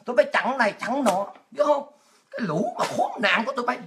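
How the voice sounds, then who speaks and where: A woman from Vietnam, delivering a ranting, mocking monologue as a political commentator, often shouting. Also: fairly high pitch, wildly swooping pitch, fast, slight background noise. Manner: shouting, mocking, with crude insults and laughs.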